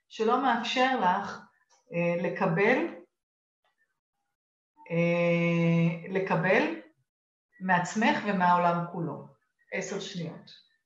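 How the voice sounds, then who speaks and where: A woman with an Israeli accent coaching in a live session, emphatic and often checking in with short questions. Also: lowish voice. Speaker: coach and course teacher leading a live session. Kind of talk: live coaching talk, questioning and addressing listeners. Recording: dull lo-fi, echoey room sound.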